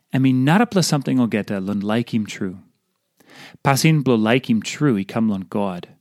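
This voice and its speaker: A man with a Papua New Guinean accent reading a scripted audio devotional, delivering it deliberately in short phrases. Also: medium pitch, a little mellow, no room sound, clean studio sound. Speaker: devotional reader.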